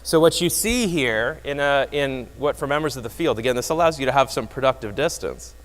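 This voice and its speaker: A man giving a lively, wry conference talk that explains research results, often restarting his phrases. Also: mid-range voice, fairly quick. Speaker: presenter. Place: conference hall. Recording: long hall reverb.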